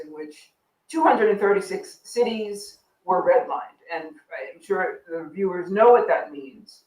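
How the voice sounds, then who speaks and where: A guest expert on a live discussion show, explaining in a wry way and checking in with frequent "right?" asides. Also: mid-range voice. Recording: roomy sound from a distance.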